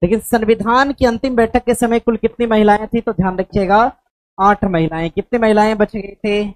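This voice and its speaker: A woman's voice: mid-range voice, steady tone, normal speed, a little mellow, no echo, rough recording. A woman teaching an exam coaching class, quizzing her students with questions and frequent checks that they follow. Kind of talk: classroom quiz review.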